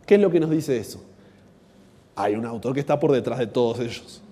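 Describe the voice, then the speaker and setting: A man's voice: medium pitch, animated, fairly quick, dark tone. Argentine man teaching in a reverberant hall. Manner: asks the audience rhetorical questions. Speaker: Bible workshop teacher. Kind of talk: teaching a workshop talk.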